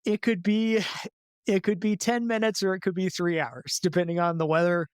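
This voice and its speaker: A man's voice: sits high, fairly even intonation, moderate pace, clean tone, no echo, studio quality. A man guest in a casual podcast interview, talking loosely with lots of filler words and easy laughs.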